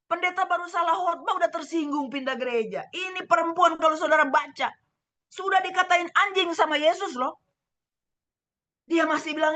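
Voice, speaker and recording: Preaching over a video call from her home, with her husband delivering his own sermon in the next room, a middle-aged Manado pastor speaks in an extremely high-pitched voice and a Manado Indonesian accent. She's fervent, lurching from loud exclaiming to quiet asides.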